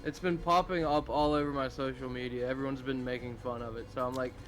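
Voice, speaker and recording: A man's voice: mid-range voice, fairly even intonation, quick pace, fairly bright tone, soft background music. A man co-hosting a gaming stream, making dry, teasing jokes in casual chat. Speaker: co-host.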